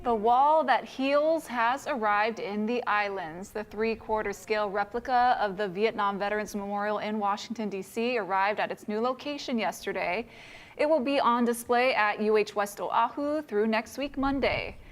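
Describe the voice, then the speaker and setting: A woman news anchor reading scripted headlines in a crisp, even delivery. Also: mid-range voice, normal speed.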